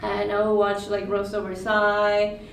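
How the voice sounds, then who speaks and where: A young woman from Peru talks as an interview guest, telling stories in a lively, filler-filled way. Her voice sits in the middle range and comes from some distance away, with a roomy ring and faint noise behind. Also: mid-range voice, normal speed, creaky. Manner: lively storyteller, many "like" fillers. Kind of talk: casual chat. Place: outdoors on a windy day.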